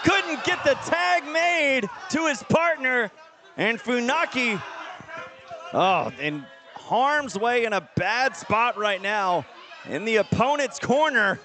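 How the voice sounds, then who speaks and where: Male wrestling commentator, very high-pitched excited play-by-play, shouted over a clearly audible crowd. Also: takes it slowly. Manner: shouted, high-energy calls. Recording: loud crowd and venue noise. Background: cheering crowd.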